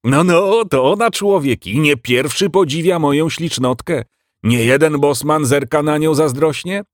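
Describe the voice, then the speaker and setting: A man's voice: on the high side, measured pace, no room sound, studio quality, pitched above the performer's own voice, lightly acted. A man voicing a boisterous, boastful old male admiral, a furry beaver-like creature who whistles through his big front teeth. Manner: loud, exclaiming, boastful.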